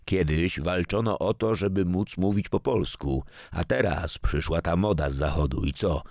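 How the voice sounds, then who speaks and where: A man voicing a stubborn, grumpy old grandfather who talks in a gruff, grumbling way, as part of a read-aloud story. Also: sits low, moderate pace, a little mellow, no echo, studio quality.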